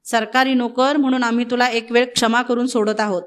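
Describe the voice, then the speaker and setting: A woman's voice: a little high, little pitch movement, fairly quick, natural voice. A woman voicing stern village elder. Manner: stern warning. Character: stern older village elder warning a man.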